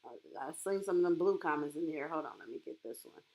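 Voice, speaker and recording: A woman's voice: low voice, animated, fairly quick, darkish tone. A woman hosting a livestream, chatting casually and reacting to comments from her chat with laughs.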